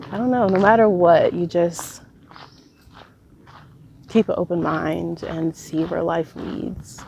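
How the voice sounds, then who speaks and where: A woman's voice: on the low side, warm tone, slight background noise, low-quality recording. A woman in her twenties musing pensively in a casual, reflective solo vlog, letting her thoughts trail as she goes. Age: 20s. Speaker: vlogger. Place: walking while recording, as a walk-along vlog.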